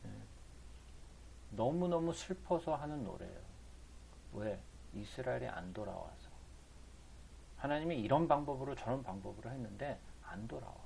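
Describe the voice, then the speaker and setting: A man's voice: medium pitch, expressive, normal speed, vocal fry, long pauses, mellow, a little hiss or hum. A man teaching the Bible, reading scripture aloud and then asking rhetorical questions that he answers himself. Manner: reads scripture aloud between explanations.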